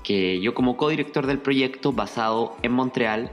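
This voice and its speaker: A man's voice: mid-range voice, a little fast. Guy doing showman announcer radio intro, stretches words out, huge echo, music under him. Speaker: music radio show host. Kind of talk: bilingual radio show introduction. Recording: long reverb, music behind.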